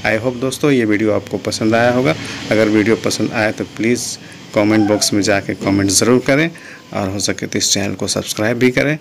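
A man with a low, steady voice teaches a TV repair at his workbench. He explains each step patiently and keeps addressing his viewers as friends. He sounds like a hands-on repair tutor talking beside the set. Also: fairly quick, creaky, slight background noise. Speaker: channel host, TV repair tutor.

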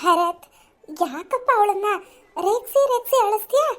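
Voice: very high-pitched, expressive, normal speed, fairly bright tone. A performer voicing a kindly but firm middle-aged mother in a home-made cartoon. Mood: motherly scolding. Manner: soothing, motherly.

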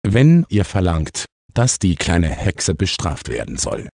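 A man's voice: deep voice, big pitch swings, takes it slowly, vocal fry, darkish tone, no room sound, clean studio sound, exaggerated voice. A man voicing a stern, commanding female head witch in a children's audiobook. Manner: commanding, authoritative.

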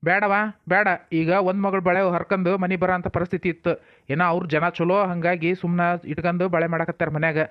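A man acting out an irritated village husband with a North Karnataka Kannada accent, scolding in quick, curt bursts. His voice runs high and quick, recorded dry and slightly dull. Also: level tone, no echo, lightly acted. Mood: stern. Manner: scolding, curt rustic talk. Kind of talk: comic village family drama.

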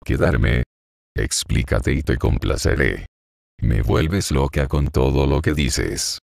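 A man's voice: rumbling low, takes it slowly, gravelly, darkish tone, no room sound, studio quality, heavily acted. A man voicing a proud, impatient teenage girl who scolds sharply, in a storybook reading. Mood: impatient, scornful.

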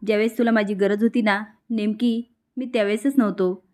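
A woman reading a remorseful gentle father. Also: mid-range voice, fairly even intonation, brisk, natural voice. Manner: apologetic, soft. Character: remorseful father apologising to his daughter, gentle.

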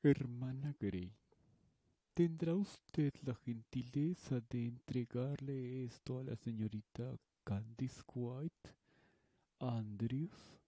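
A man reading a manga aloud in a slow, even way, as an audiobook reader. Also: mid-range voice, slightly rough, no room sound.

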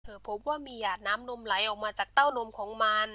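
Bright, high-voiced woman storyteller. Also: fast, no room sound. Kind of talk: bedtime storybook narration.

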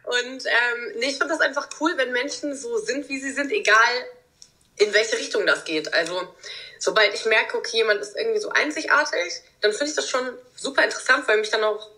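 A woman's voice: fairly high pitch, a little fast, sharp tone, rough recording. A woman in her twenties, a guest in a casual interview, talking openly and reflectively over a video call from a room at home. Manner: open, reflective, with many fillers. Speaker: guest, reality TV contestant.

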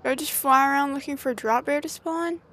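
A woman hosting casual gameplay commentary, chatty and excitable, talking to the creatures on screen. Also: sits high, fast, a little hiss or hum, rough recording. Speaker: gaming channel host.

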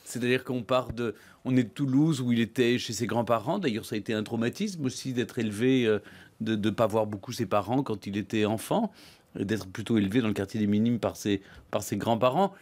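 A man's voice: lowish voice, brisk, darkish tone. A man hosting a radio interview, listening closely and adding short agreements. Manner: attentive, many short agreements. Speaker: radio host.

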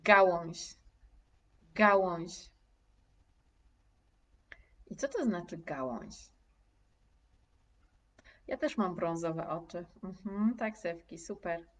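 A woman teaching a live online lesson, speaking slowly and clearly, repeating each word for her students and reading their comments aloud. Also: lowish voice, expressive, recorded from a distance. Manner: slow, carefully articulated, repeating words for students. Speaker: language teacher.

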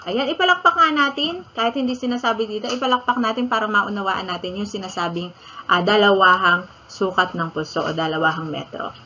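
A woman's voice: medium pitch, a little fast, bright, forceful tone. A woman from the Philippines teaching an online music lesson, counting beats aloud and singing short lines of a song. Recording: slightly dull audio with faint ambience.

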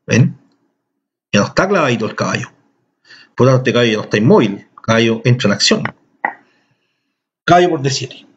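A man teaching a chess lesson, explaining moves with enthusiasm and speaking directly to his viewers. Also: mid-range voice. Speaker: chess instructor. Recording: dull lo-fi recording.

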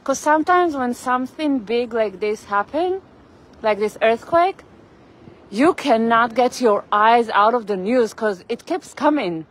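Her voice leans high and animated, and she takes her time. On an outdoor walk through the city, this vlogger live-streams a rambling chat, naming and greeting viewers as she goes, and the phone she carries captures a rough recording full of traffic and street ambience.

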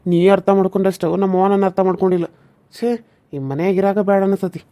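A woman voicing a gentle young village husband in a cartoon serial, earnest and pleading, with a North Karnataka accent. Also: mid-range voice, little pitch movement, fast talker, natural voice. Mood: frustrated. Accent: North Karnataka Kannada.

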